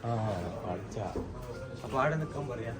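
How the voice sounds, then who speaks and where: A man's voice: mid-range voice, expressive, a little slow, distant mic. A man chatting casually on a vlog, recorded with echo. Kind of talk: casual chat. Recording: echoey, loud music behind.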